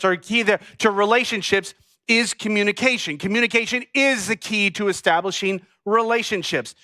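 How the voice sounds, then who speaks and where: A high, bright male voice carries a sermon full of jokes and asides. He is a pastor in his thirties, telling a personal story to the congregation before turning to the teaching. He sounds lively and talks straight to the room. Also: smooth. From United States.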